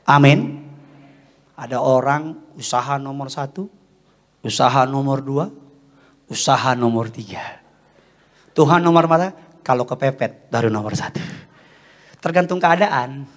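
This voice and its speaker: A male pastor preaching a sermon at a church service, animated and joking, calling on the congregation to respond. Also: medium pitch, measured pace, long pauses.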